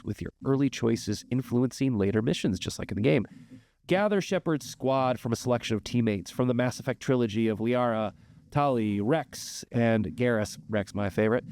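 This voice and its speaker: A man co-hosting a casual board game news show, talking in a relaxed way with lots of "uh" fillers. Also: mid-range voice. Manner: relaxed, filler-heavy, plays up a movie-trailer voice. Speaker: podcast co-host. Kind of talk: casual gaming news chat.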